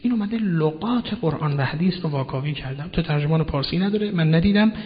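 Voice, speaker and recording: A man preaching a religious lecture, speaking emphatically, swinging from loud to hushed and putting rhetorical questions to his listeners. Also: on the high side, animated. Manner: addresses listeners directly, asks rhetorical questions. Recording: dull lo-fi sound with long hall reverb.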